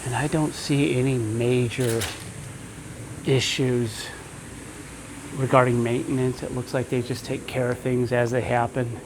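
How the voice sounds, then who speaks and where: A man's voice: mid-range voice, little pitch movement, measured pace, background noise. A man walking through a house, garage and yard, giving an easygoing home tour and thinking aloud as he goes.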